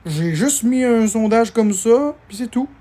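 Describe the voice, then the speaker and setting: A man's voice: very high voice, expressive, measured pace, warm tone. Chatty man live-streaming. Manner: chatty, reads and answers viewer comments, thanks people for gifts. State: tired. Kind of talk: casual live-stream chat with viewers.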